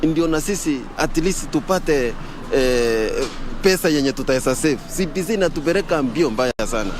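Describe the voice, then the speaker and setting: A man's voice: fairly high pitch, lively intonation, moderate pace. A man with a Kenyan accent speaking in an outdoor street interview. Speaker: motorbike taxi rider being interviewed. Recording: noisy outdoor street with vehicles.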